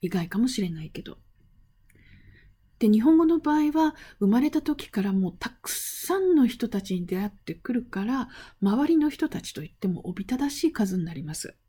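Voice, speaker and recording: Chatty woman teacher with a husky, mellow voice. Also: a little high, sing-song, normal speed. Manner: chatty and playful, rhetorical questions, occasional breathy asides. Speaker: interpreting instructor. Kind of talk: casual spoken lesson answering a student question.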